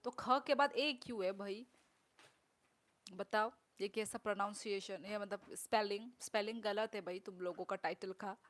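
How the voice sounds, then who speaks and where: A woman's voice: medium pitch, moderate pace. A young woman chatting casually on a live stream, reading comments and repeating words as she works them out.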